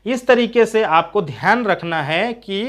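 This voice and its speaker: A man teaching an English spelling lesson, spelling words out letter by letter in a steady explaining tone. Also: high voice, a little slow. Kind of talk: spoken grammar lesson.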